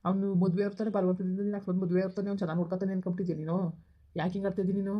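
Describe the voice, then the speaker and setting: Woman doing a bossy brotherly young guy, fast blunt scolding, flat low-ish voice, dull lo-fi sound. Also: lightly acted. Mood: scolding, reassuring. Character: young man consoling a friend like a brother. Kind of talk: village comedy skit acting.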